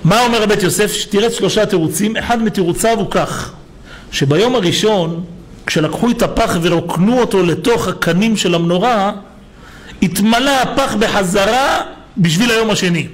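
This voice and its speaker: A rabbi preaching in a lively, storytelling way, firing off rhetorical questions as he builds his point. His voice sits notably high for a man, and he speaks. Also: rough recording. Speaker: rabbi giving a Torah lesson. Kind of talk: sermon.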